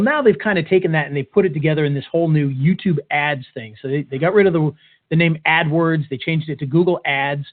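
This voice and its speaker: An upbeat, joking man co-hosting and presenting a casual, informal webinar. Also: fairly high pitch. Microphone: webcam webinar call. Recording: tinny, phone-like band-limited webinar audio.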